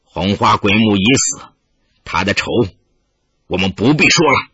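Man doing a sneering old martial elder, low, husky, dry muffled sound. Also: lively intonation, moderate pace, bright, forceful tone, dry recording, exaggerated voice. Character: cold veteran male martial elder. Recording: dull lo-fi recording.

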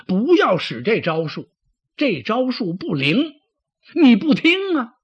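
A man voicing an indignant male general who defends himself in a husky, shrill voice. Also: huge pitch swings, moderate pace, exaggerated voice. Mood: protesting. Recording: dull lo-fi recording.

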